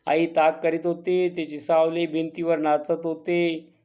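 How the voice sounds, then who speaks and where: A man reading a classic story aloud in a measured, earnest way. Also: fairly high pitch, level tone, dark tone.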